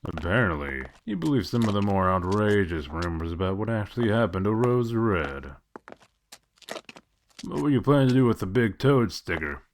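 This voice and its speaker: Casting: low-voiced male actor as tough wolfish lawman for a comic dub; deadpan, commanding, bitingly dry. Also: moderate pace, slight background noise. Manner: sardonic, deadpan, authoritative. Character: gruff, sardonic werewolf lawman, commanding and dry. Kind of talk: dramatic comic-dub voice acting.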